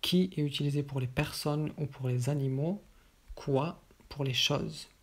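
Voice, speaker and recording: A French teacher narrates a grammar lesson in voice-over, moving methodically through each example by posing a question and then answering it. The voice is medium-pitched, unhurried, and slightly rough.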